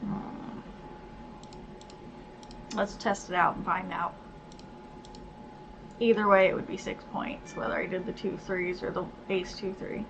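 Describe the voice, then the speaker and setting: A woman's voice: fairly low pitch, a little slow, gravelly, long pauses. A woman hosting a gaming channel, muttering casual commentary as she plays and reading card text aloud. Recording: dull lo-fi sound with steady noise.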